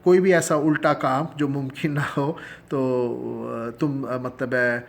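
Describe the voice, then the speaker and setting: Male English teacher from Pakistan, mid-range voice, relaxed chatty delivery, slows down to stretch the examples. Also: mid-range voice, vocal fry, slight background noise. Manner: explains in Urdu, slows down and stretches English phrases for emphasis; chuckles often, conversational with many fillers. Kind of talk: casual spoken lesson.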